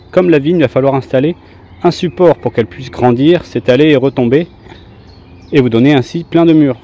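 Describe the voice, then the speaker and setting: A man's voice: medium pitch, mellow, lo-fi sound. A man hosting a gardening video, explaining each step in a plain-spoken, colloquial, instructional way. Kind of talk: casual instructional gardening narration.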